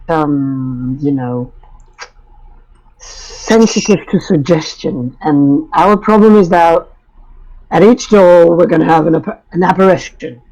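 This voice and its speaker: A man playing a tabletop game, talking in an animated, persuasive way. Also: a little high, poor audio. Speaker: player. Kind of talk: tabletop role-play chat.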